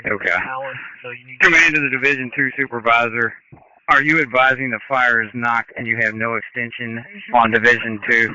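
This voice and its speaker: Male fireground commander on two-way radio. Very bright, forceful, crisp voice, clipped procedural delivery, band-limited sound. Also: mid-range voice, fairly even intonation, normal speed, no echo, dull audio. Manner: clipped, procedural, repeats back to confirm. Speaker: fire incident commander on radio.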